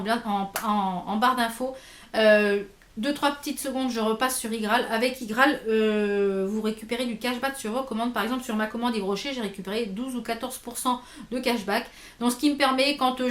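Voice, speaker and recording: Woman vlogger, chatty and halting, fairly high voice, recorded in an echoey room. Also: fairly bright tone. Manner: chatty, many fillers and restarts. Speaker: beauty vlogger. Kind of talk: casual haul video chat.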